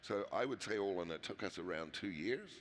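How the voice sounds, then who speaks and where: A deep-voiced founder with a New Zealand accent is expressive and brisk in a conference interview. He talks conversationally, often restarting and filling gaps, and the recording carries long hall reverb.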